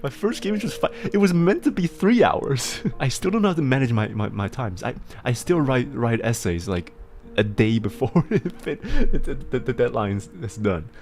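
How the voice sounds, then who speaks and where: A young adult man hosts a casual livestream, giving advice on struggles viewers have sent in. His mid-range voice has a darkish tone and lively intonation, and he talks at a normal speed with hardly any pauses. He rambles and giggles, laughing often and restarting sentences, while faint music plays behind him.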